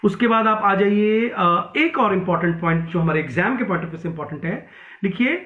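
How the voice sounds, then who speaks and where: A high-pitched male teacher of English literature lectures online for exam preparation, a little fast, mixing Hindi with English amid frequent fillers and restarts. The room gives an obvious echo and the recording sounds thin, like a phone.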